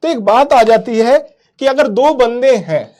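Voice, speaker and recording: A man's voice: very high-pitched, lively intonation, unhurried, a little mellow. A man teaching kids in a live online class, quizzing the chat and often calling them "beta". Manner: quizzes the chat, calls students "beta", repeats "theek hai"; mixes English into explanations.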